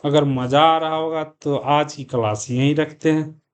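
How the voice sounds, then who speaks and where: A man's voice: fairly high pitch, steady tone, measured pace, clear, resonant tone. A male commerce teacher lecturing a class, asking questions and answering them himself, repeating key terms and mixing English words into his speech.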